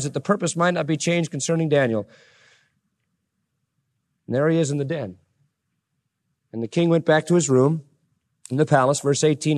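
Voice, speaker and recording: A man preaching a sermon, reading scripture aloud with dramatic rising emphasis and plain asides in between. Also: a little high. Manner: reads verses with dramatic slowing and rising voice, then chats plainly.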